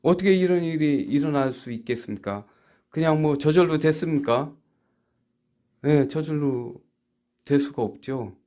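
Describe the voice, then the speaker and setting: A man from South Korea, whose voice sits on the high side, preaches as pastor of a church. His delivery is halting, moving from soft asides to forceful rhetorical questions.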